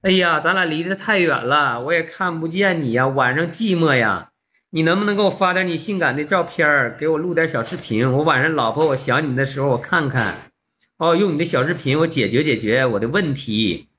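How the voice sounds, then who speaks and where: A man voicing a smooth-talking male online scammer who makes sweet promises. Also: fairly high pitch, fairly quick, sharp tone, a little hiss or hum. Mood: coaxing.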